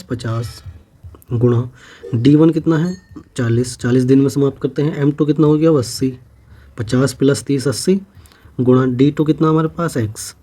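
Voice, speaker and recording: Mellow-voiced male maths teacher. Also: fairly high pitch. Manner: works problems step by step, repeating each figure as he writes. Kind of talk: exam-prep maths lesson.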